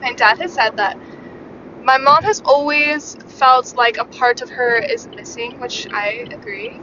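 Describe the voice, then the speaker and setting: Young woman podcast host, bright slightly high voice, rambling wry chatter, muffled car recording with faint road rumble. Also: very animated, a little slow. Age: young adult. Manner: rambling, filler-heavy, wry storytelling. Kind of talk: casual chat. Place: in a moving car. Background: faint vehicle rumble.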